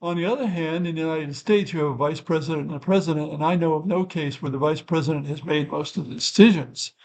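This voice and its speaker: A fairly high-pitched older man talks fast over poor audio, hosting his own channel. He rambles thoughtfully through a topic without a script, correcting himself in little asides as he explains.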